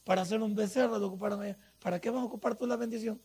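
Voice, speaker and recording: A man preaching a sermon with a Salvadoran accent, talking in a colloquial, animated way with sudden loud bursts. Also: high-pitched, racing, slightly rough. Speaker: pastor.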